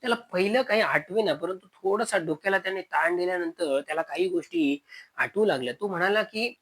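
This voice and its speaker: A man's voice: sits high, brisk, a bit bright, rough recording. A man with a Konkan Marathi accent narrating a spoken village horror story, acting out frightened calls to a missing brother.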